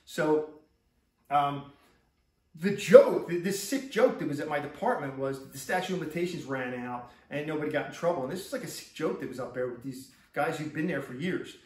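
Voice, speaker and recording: A middle-aged police officer talks quickly and rambles through his account. He keeps repeating himself and restarting his sentences. He sits a fair way from the mic in an echoey room. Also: fairly high pitch, darkish tone, far from the mic. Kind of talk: casual first-person account.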